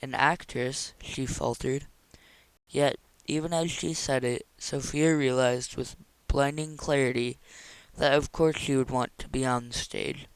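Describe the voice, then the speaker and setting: A man reading a novel chapter aloud in a steady, even narration. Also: mid-range voice, a little slow, vocal fry, smooth, no room sound, poor audio. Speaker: audiobook reader.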